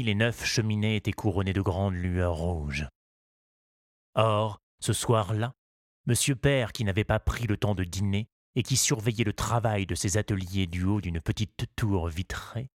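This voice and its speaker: A man narrating a children's story in a measured, expressive reading. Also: fairly low pitch, no room sound, studio quality.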